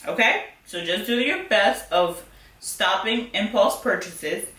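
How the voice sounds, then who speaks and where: A woman's voice: mid-range voice, pushed and bright. A young woman giving chatty money advice straight to her viewers, casual and direct, with fillers and small laughs. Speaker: budgeting vlogger. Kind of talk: casual talk to camera. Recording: roomy sound from a distance.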